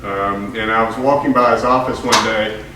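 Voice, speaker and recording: Heard distantly in a very reverberant hall, a man delivers a public history lecture, his mid-range voice fairly even in intonation. He opens hesitantly with restarts and fillers but soon reads prepared text. A faint hiss sits under the ambience.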